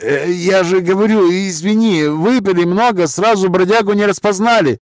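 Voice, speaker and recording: A man voicing a nervous, fawning man who pleads to smooth over a fight. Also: high-pitched, moderate pace, no echo, pitched above the performer's own voice, lightly acted. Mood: pleading. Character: nervous man placating a scarred thug.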